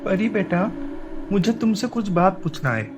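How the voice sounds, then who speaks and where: A man voicing an earnest, determined young uncle in an animated story, asking questions and looking for the truth. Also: high voice, a little slow, over music.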